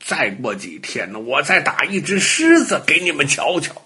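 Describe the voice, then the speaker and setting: A man's voice: fairly high pitch, wildly swooping pitch, moderate pace, pushed and bright, slightly rough, exaggerated voice. A man voicing a boastful, cowardly little spotted puppy that squeals and wails in a children's storybook. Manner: squealing, wailing, bragging.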